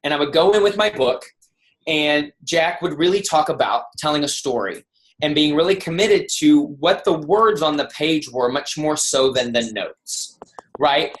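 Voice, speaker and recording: On a kickoff call, a man with a fairly high, slightly bright voice speaks at normal speed, telling personal stories to motivate his team. His storytelling is loose and conversational, full of restarts, and he sometimes acts out the people he quotes.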